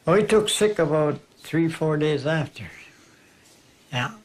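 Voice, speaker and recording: A man being interviewed, recalling a sighting in plain, halting phrases with nonstandard grammar. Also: fairly high pitch, expressive. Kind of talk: casual spoken recollection.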